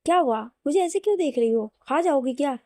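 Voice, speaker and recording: A woman's voice: a little high, normal speed, warm tone, no room sound, studio quality, natural voice. A woman voicing an arrogant, angry young husband who talks curtly and bossily. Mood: irritated. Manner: curt, irritable, bossy.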